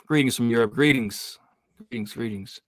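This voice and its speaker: A man's voice: medium pitch, normal speed, a bit bright, no echo. A man hosting a live fight watch-along, chatty and hyped, reading the chat aloud. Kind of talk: casual live-stream chat.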